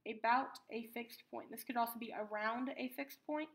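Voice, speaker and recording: A woman teaching a math lesson, patiently explaining terms and repeating key words slowly for emphasis. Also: a little high, steady tone, a bit bright.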